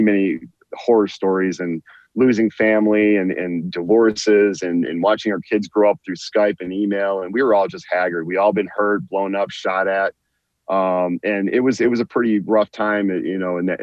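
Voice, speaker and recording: A veteran author appears as a talk show guest, telling a long personal story in an interview and often repeating and restarting his words. His voice sits on the low side, coming through a muffled, dry lo-fi line.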